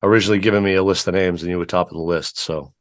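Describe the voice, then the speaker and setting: A man's voice: deep voice, fairly even intonation, rapid-fire. A man hosting a casual interview show over a video call from his home studio. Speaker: podcast host.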